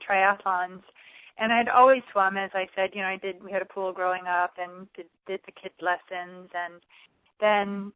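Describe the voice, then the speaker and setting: A woman triathlon and swim coach from New England in a phone interview, talking with many pauses and restarts. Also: medium pitch, no room sound. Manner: hesitant, many fillers and restarts. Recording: dull phone line.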